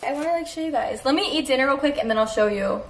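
A woman's voice: high-pitched, very fast. A young woman in her twenties vlogging casually in an upbeat, chatty way, often saying "like" and "so cute". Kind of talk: casual vlog narration. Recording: handheld phone vlog with steady background noise.

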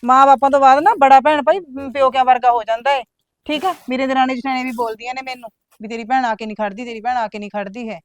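Woman acting as a touchy younger village sister, high voice, complains super fast. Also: fairly even intonation, no echo, close to an everyday voice. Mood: aggrieved. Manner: complaining, rapid-fire grievances. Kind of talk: village family drama acting.

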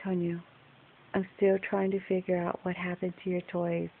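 A woman's voice: lowish voice, completely flat delivery, normal speed, vocal fry. A woman on a home phone video firmly and patiently questioning a child. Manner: firm, patient, repeatedly questioning. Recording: tinny lo-fi phone recording with hiss.

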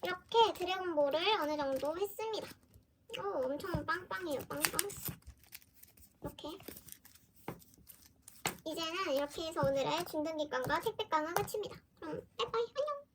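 High-voiced woman gushing over an unboxing. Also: moderate pace, long pauses, noisy background. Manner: gushing, often exclaiming softly. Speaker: fan vlogger. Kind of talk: casual unboxing chat.

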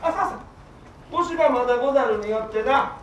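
A man acting a doting, easily flustered bridegroom in traditional Japanese kyogen comedy, with declamatory, drawn-out archaic phrasing. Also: very high voice, lo-fi sound. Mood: delighted. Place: open wooden stage, recorded from the audience. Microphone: far camera. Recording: echoey stage, distant mic, faint noise.

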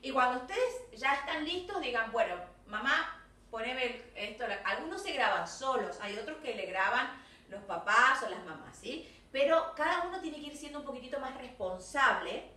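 A woman's voice: sits high, lively intonation, moderate pace, bright, forceful tone, reverberant, far from the mic. An Argentine woman teaching English to young children, giving class feedback and mixing Spanish and English, checking in with "¿sí?" and "¿ok?" after nearly every point. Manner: switches between Spanish and English, coaxing with constant "¿sí?" and "¿ok?".

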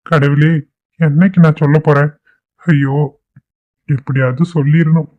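A man's voice: on the high side, close to an everyday voice. A man voicing a shy, lovesick young village man in a cartoon, talking nervously. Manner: nervous, yearning. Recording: dull lo-fi cartoon audio.

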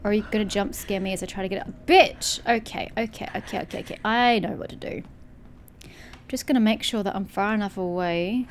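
A woman's voice: medium pitch, brisk, slight background noise. A woman doing live horror game commentary as a scared, jittery streamer who mutters to herself and swears.

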